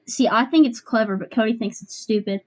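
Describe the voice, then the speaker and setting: A woman's voice: fairly high pitch, dry recording. A woman guesting on a casual podcast in a small room, playful and self-mocking.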